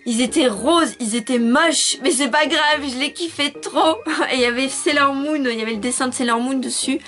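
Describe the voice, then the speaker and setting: A woman in her twenties chatting casually as she answers viewer questions in a video, with lots of fillers and quick self-corrections. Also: high-pitched, a bit bright, faint music behind. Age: 20s. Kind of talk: casual chat.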